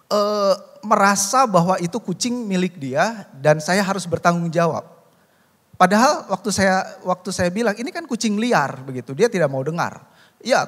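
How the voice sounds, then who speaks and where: A middle-aged man pastor tells a personal story from the pulpit, his voice sitting a little high for a man. He talks in a loose, conversational way and keeps turning to the congregation. The sound carries a long church-hall reverb. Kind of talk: sermon.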